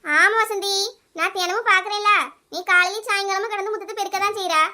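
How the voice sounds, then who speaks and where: A nosy older neighbour, voiced by a woman pokes into the quarrel with teasing questions in Kanyakumari Tamil. Her voice is very high and piercingly bright. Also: steady tone, fairly quick, heavily acted. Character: nosy elder-sister neighbour woman, meddling.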